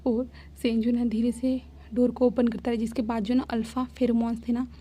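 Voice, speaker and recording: A woman retelling a fanfiction story in a loose, rambling way full of fillers. Her voice sits slightly high yet sounds very dark and mellow, husky in texture, with almost no rise and fall. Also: flat delivery, a little fast.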